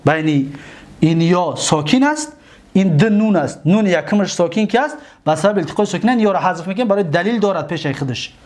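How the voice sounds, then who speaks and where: A man with a Tajik-accented Persian voice teaching an Arabic grammar lesson, reciting verb forms slowly and often checking that listeners follow. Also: sits high, expressive. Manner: drills verb forms slowly, stretching each word.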